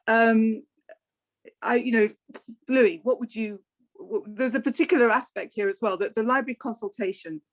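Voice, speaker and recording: A woman hosting a local candidates' debate, asking questions with many hesitant fillers. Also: medium pitch. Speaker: debate host.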